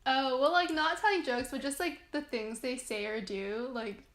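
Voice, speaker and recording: A woman's voice: high voice, moderate pace, fairly bright tone, echoey room. A young woman guest in casual chat, rambling with lots of "like" and "um". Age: young adult.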